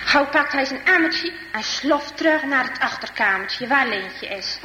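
A woman tells a children's story aloud with dramatic, expressive delivery. Her voice sits high and bright and swings widely in pitch. A long hall echo and faint background noise surround it. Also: a little slow.

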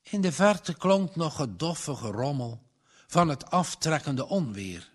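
A man reads a village story aloud in a slow, measured style. His voice sits a little high for a man. The delivery stays calm and even. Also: slightly rough. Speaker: narrator. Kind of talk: audiobook narration.

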